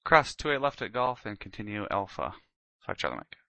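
A man's voice: lowish voice, very animated, fairly quick, bright, forceful tone, no echo. A man working as a pilot, making procedural radio calls and readbacks.

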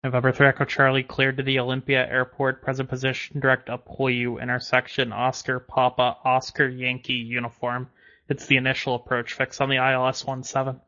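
A man's voice: mid-range voice, monotone, fairly quick, bright, forceful tone. A man working as an air traffic controller, giving clipped, matter-of-fact procedural instructions over radio. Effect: radio transmission. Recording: dull band-limited radio audio.

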